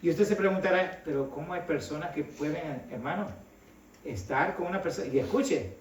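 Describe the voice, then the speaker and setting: A man's voice: fairly high pitch, moderate pace, slight background noise. A middle-aged man from El Salvador, preaching a sermon in a conversational way and often calling his listeners brother. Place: church hall. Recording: echoey hall, voice from a distance.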